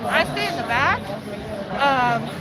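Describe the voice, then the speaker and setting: A woman's voice: sits high, animated, takes it slowly, low-quality recording. A woman from Costa Rica, a protest medic and social worker, speaking earnestly in a street interview with many fillers. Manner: earnest, talks with fillers and restarts. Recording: loud crowd noise behind.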